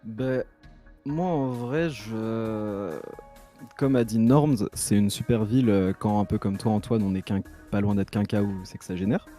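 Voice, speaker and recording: A man's voice: lowish voice, a little slow, warm tone, faint music behind. A man chatting as a guest, hesitant and jokey, with many fillers. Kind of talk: casual chat.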